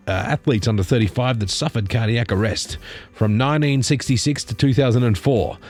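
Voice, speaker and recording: A man's voice: medium pitch, a little mellow. A man hosting an informal news commentary on memes, rambling along in a casual, sardonic way. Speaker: host of a satirical news commentary channel. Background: music.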